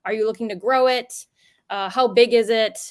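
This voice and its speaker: A woman's voice: fairly high pitch, steady tone, normal speed. A woman hosting a business webinar over a video call, upbeat and chatty. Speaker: webinar host. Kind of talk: casual webinar chat.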